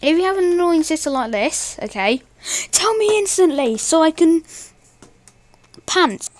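Young woman, high voice, giggly, rambling, excitable, casual meme reaction commentary. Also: unhurried, no room sound. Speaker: meme reaction video host.

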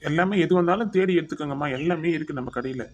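A man's voice: on the high side, racing, highs cut off, natural voice. A man voicing a friendly cartoon shopkeeper who chats up his customers. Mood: salesy. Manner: salesy, chatty. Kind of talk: cartoon voice acting.

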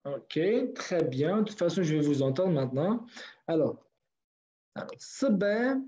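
Patient male language teacher on a video call, slow and mellow, dull lo-fi sound. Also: a little high, expressive. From northern Kurdistan. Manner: patient, repeats words slowly for students. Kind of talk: online class. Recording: dull lo-fi online call audio.

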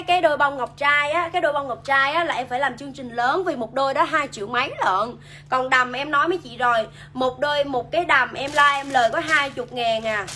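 A woman's voice: high-pitched, sharp tone, slight background noise. A young woman with a southern Vietnamese accent selling clothes on a livestream in an insistent, repetitive hard-sell manner, addressing viewers directly. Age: young adult. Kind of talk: live hard-sell shopping pitch. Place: small clothing shop, indoors. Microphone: phone at arm's length or on stand.

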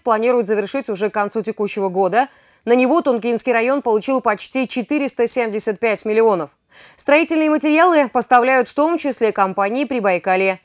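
A woman anchoring a local news bulletin in a measured, scripted newsreader delivery. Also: on the high side.

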